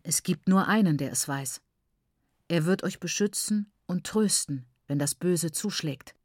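Elder uncle, grave and measured, read by a woman narrator; dry studio. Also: lowish voice, no echo. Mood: consoling. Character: solemn elder uncle, dignified patriarch.

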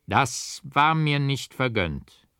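A man voicing a solemn, mysterious old painter who speaks slowly and commandingly. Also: medium pitch, sing-song, a bit bright, clear, resonant tone, no echo, clean studio sound, pitched above the performer's own voice, exaggerated voice.

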